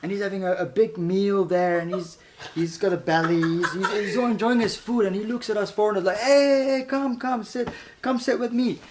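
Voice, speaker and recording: A man from Iran tells his faith testimony in a lively, casual way, full of restarts and bursts of laughter. His voice sits a bit high for a man. Faint noise hums under the recording. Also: normal speed. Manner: animated, laughs often, acts out voices in quotes; repeats words and restarts. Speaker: guest giving a testimony.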